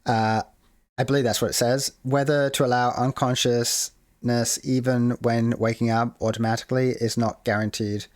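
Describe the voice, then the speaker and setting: A man's voice: mid-range voice, little pitch movement, normal speed, no room sound, studio quality. A man hosting a casual screen-share tutorial on building a game mode, rambling with many fillers and restarts. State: hiccuping. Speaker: game modding tutorial host.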